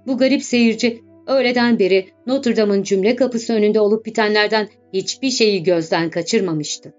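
Female audiobook narrator, measured dramatic literary reading, mid-pitched voice; dull lo-fi track with faint music underneath. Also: a little mellow.

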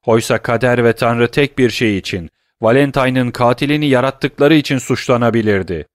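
A man's voice: mid-range voice, fairly quick, dry recording, close to an everyday voice. Guy doing a grieving young man in a storybook, urgent and pleading, a bit raised, dry sound. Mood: impassioned.

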